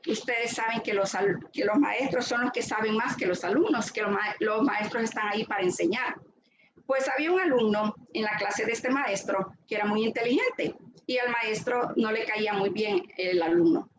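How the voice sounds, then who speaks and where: Woman speaker, fairly high voice, earnest testimony, echoey noisy room. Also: moderate pace. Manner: earnest, repeats words while searching for them. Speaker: retreat speaker giving a talk. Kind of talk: faith testimony talk.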